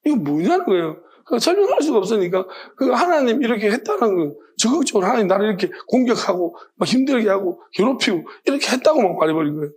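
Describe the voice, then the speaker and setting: A man delivers a church sermon with a husky, breathy edge to his voice. He sits fairly high for a man and tells the story with animation, slipping into the voices of the people he quotes. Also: big pitch swings, fast, few pauses. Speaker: pastor.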